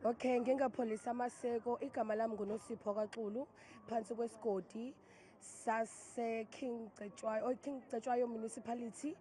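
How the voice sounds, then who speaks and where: A woman's voice: a little high, fairly even intonation, moderate pace, warm tone. A young woman with a Zulu accent from South Africa, giving interview answers as a festival participant. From Richards Bay, KwaZulu-Natal, South Africa. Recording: faint background ambience on location.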